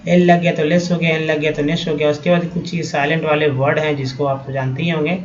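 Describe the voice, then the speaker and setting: Patient male tutor walking through slides, slightly high voice, muffled lo-fi sound. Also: little pitch movement, fast talker. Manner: explains patiently, often asks "है ना". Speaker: English teacher. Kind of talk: slide-based language lesson.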